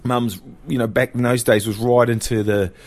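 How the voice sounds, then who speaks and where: A middle-aged New Zealand man shares his personal testimony as a guest, relaxed and reflective, with fillers and restarts. His pitch is medium, his pace moderate, and the recording is dry.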